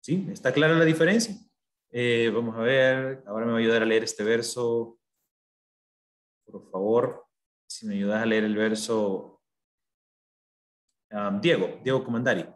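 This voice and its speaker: A man's voice: mid-range voice, unhurried, long pauses. A man teaching a class, explaining patiently and checking that students understand with frequent questions. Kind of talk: online class lesson.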